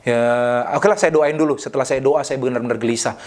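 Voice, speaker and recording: A man preaching a sermon in a church service, telling a humorous personal story, switching between loud preaching and quiet asides. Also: medium pitch, fast. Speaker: pastor.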